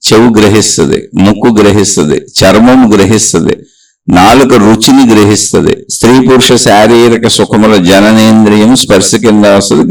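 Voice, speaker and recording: A man giving a slow, reflective spiritual talk, working through long lists of examples. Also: mid-range voice, vocal fry, far from the mic, low-quality recording. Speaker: spiritual teacher. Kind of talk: spiritual discourse.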